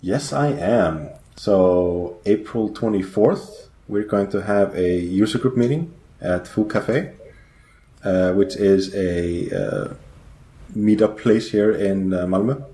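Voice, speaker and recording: An Icelandic programmer, appearing as a podcast guest, chats in a low, slow, mellow voice in an echoey room. His talk rambles hesitantly and is full of fillers.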